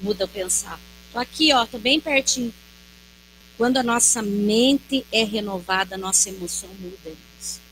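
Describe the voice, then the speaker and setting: A woman preaching a sermon, animated and acting out the voices she quotes while addressing the congregation as brothers and sisters. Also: a little high, normal speed, slight background noise, low-quality recording.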